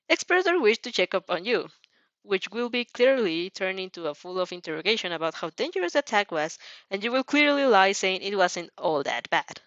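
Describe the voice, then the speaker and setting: Dramatic fan fiction reading comes from a woman with a medium pitch who giggles, emotes, and interrupts herself with offhand remarks. There's no echo, though the high frequencies are cut off.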